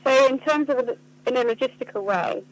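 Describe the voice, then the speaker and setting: A charity communications officer gives radio interview answers in a high-pitched, brisk voice, explaining things in an articulate, earnest manner. The recording is low quality.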